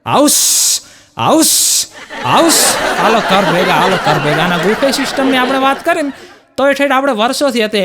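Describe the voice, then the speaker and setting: A man's voice: sits high, a bit bright. A young man with a Gujarati accent doing stand-up, telling folksy jokes and acting out the dialogue in a playful way. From Gujarat, India. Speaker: stand-up comedian.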